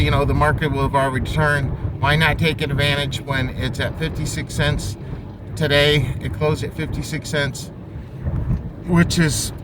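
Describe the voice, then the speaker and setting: An amateur investing commentator with a higher-pitched voice delivers an unscripted opinion monologue. The background is clearly noisy, with vehicle and outdoor-like sounds.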